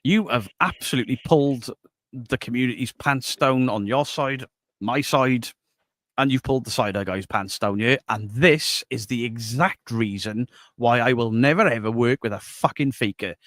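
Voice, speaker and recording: A man's voice: mid-range voice, moderate pace, a bit bright, no echo, clean studio sound. A man, a paranormal video creator, ranting angrily and swearing at someone. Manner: angry, profane ranting. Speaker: paranormal YouTuber.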